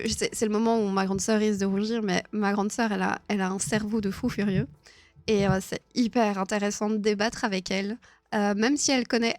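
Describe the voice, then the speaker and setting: A woman hosting a casual live stream, chatting with her viewers, laughing often and filling her talk with hesitations. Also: mid-range voice. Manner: chatty, laughs often, many fillers and restarts.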